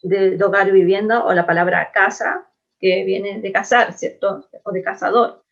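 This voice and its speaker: A woman's voice: mid-range voice, steady tone, moderate pace, gravelly, muffled recording. A woman with a Chilean accent teaching a class, explaining in a conversational way and often checking that students follow. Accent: Chilean Spanish. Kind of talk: classroom lecture.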